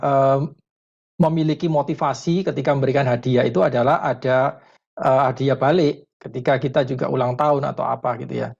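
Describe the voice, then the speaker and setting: A man, a parenting educator, answering a question in a webinar consultation, thoughtful and pausing often with fillers, mixing in English terms. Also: mid-range voice, creaky, a little mellow, dull audio. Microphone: video call.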